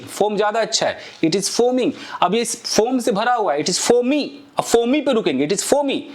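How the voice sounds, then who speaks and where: Man slowly spelling out English phrases. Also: high-pitched. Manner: slow, drawn-out English model sentences between brisk Hindi explanation. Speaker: English teacher. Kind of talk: demonstration lesson.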